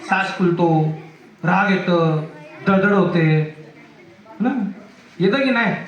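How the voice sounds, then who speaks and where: A man's voice: high voice, takes it slowly, lo-fi sound, a little hiss or hum. A man with a Marathi accent, a child psychiatrist, teaching young schoolchildren and asking them many questions. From India. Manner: asks many questions, acts out children's voices. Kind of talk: classroom talk with children. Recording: echoey classroom, children's chatter.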